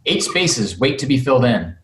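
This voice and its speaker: On a remote video call from a room, a man with a mid-range voice reads screenplay stage directions at a moderate pace for an online table read. He's expressive but stumbles now and then and breaks off to comment. The video call microphone gives the audio a roomy, echoey sound.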